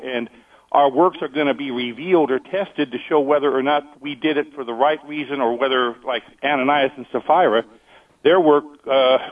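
A man calling in to a radio show over the phone, speaking hesitantly with many ums and restarts. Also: medium pitch. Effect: phone-line caller on a radio show. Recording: tinny distant phone line.

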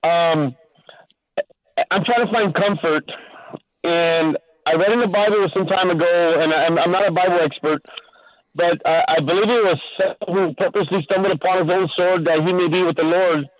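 A man from California calling in to a radio show over a distorted phone line, speaking haltingly and repeating his words. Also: high voice. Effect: phone call heard over the radio.

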